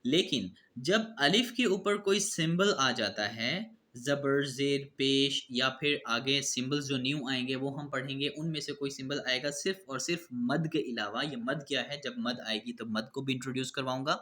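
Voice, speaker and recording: A man with a Pakistani Urdu accent teaches a Quran reading lesson. He explains the rules step by step, then says each letter sound slowly and with stress. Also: mid-range voice, sharp tone. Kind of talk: children's Arabic alphabet lesson.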